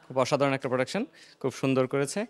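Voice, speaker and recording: A man's voice: medium pitch, fairly even intonation, rapid-fire. A man giving an informal vox-pop reaction as an audience member.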